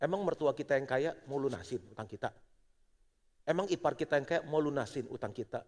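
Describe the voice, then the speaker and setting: A middle-aged male pastor preaching a sermon, moving between loud exhortation and hushed prayer. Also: medium pitch, lively intonation, fairly quick. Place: church auditorium. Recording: long church hall reverb.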